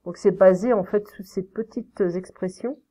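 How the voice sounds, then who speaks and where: A French woman tutoring French one-on-one, explaining slowly with many fillers and modelling pronunciation. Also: medium pitch, mellow, husky, lo-fi sound. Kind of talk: one-on-one online French lesson.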